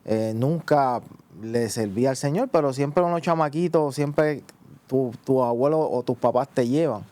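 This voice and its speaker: Puerto Rican man, mellow halting speech. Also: mid-range voice. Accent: Puerto Rican Spanish. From Puerto Rico. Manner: halting, many "eh" and "pues" restarts. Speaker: guest giving testimony. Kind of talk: personal testimony in conversation.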